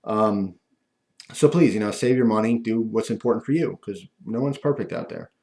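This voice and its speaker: A man talking casually and ramblingly to viewers, with a lispy voice from missing front teeth that softens his F and V sounds. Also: on the low side, normal speed, vocal fry. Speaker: video host.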